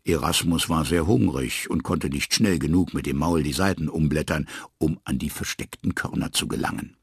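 A man reading a children's story aloud in an expressive, lively way. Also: very deep voice, normal speed, slightly rough, dry recording, clean studio sound.

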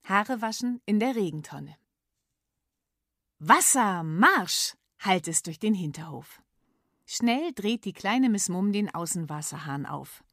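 A woman narrating a children's story in a lively, clear storytelling manner. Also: fairly low pitch, no room sound, clean studio sound.

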